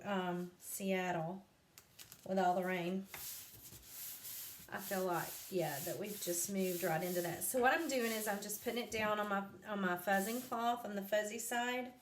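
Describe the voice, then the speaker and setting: A craft vlogger, a woman who is sleepy and yawning, rambles slowly through a live demonstration with plenty of ums and asides. She speaks at a medium pitch, in a roomy, echoey space with a faint hiss behind her.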